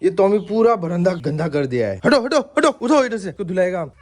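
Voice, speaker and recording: A man's voice: sits high, sing-song, brisk, a little mellow. A man hosting a casual family vlog in a playful, teasing way, chatting straight to his viewers. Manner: playful, teasing, keeps addressing viewers as guys. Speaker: vlogger host.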